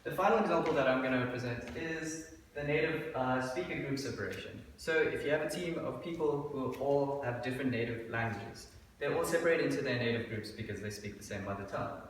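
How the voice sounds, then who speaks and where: The young man's class presentation in the dim lecture room comes through echoey and distant via a far room mic, with slight background noise. His medium-pitched voice moves a little fast, broken by fillers and restarts.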